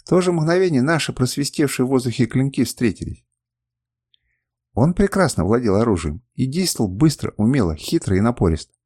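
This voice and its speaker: A man narrating a first-person adventure novel, his pitch moving in a lively, animated way. The reading is dramatic and the sound is dry and close, with no room around it. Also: a little fast, husky, no room sound. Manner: expressive, dramatic storytelling. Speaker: audiobook narrator.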